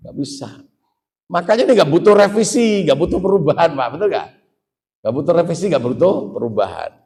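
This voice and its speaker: A man with a Javanese accent preaching a folksy, joking sermon, often calling out to the audience. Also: high-pitched. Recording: echoey hall reverb.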